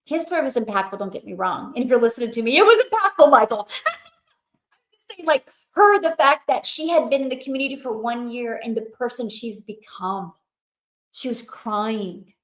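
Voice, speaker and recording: A woman's voice: a little high, normal speed, a bit bright, reverberant, poor audio. A woman hosting a motivational webinar, talking in a chatty, emphatic way with lots of fillers. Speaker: webinar host.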